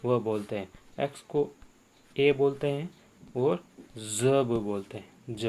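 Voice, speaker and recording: Patient male teacher, unhurried delivery, medium voice, drills letters by repetition. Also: mid-range voice, warm tone. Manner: slow, repeats sounds and quizzes the viewer. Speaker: English teacher. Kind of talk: spoken language lesson.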